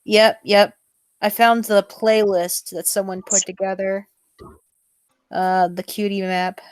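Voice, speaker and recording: A woman hosting a casual podcast chat, talking with many pauses, fillers and restarts. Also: mid-range voice, level tone, clear, resonant tone, dry recording. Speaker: podcast host.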